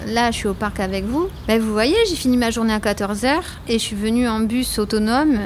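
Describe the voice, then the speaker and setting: A woman plays a contented veteran public employee in a homemade audio play. She is chatty and persuasive, with a fairly high voice over faint ambient noise. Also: a little fast, natural voice. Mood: proud. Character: Soline, proud contented female social security veteran of twenty years. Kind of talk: amateur scripted audio drama.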